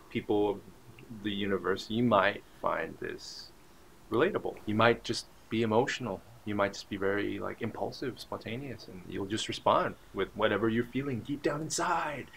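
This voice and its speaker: A young man muses aloud to his camera, wandering through a story with plenty of fillers and asides. His voice sits a little low and has a gravelly fry to it. A faint hiss runs underneath. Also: fairly bright tone. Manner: rambling, musing, lots of fillers and asides. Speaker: vlogger. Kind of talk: casual storytelling monologue.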